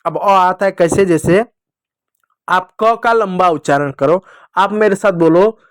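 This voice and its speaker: A man teaching children, patiently repeating each sound slowly and drawing out the vowels. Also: high-pitched, clear, resonant tone, no echo, studio quality. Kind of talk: Hindi lesson for children.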